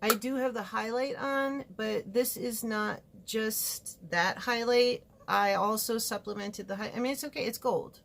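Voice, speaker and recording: A beauty vlogger from California rambles frankly through a casual makeup review in her home studio, chatty and full of asides. Her voice is fairly high and a bit bright, with vocal fry, fairly even intonation, a measured pace and few pauses. There's slight background noise.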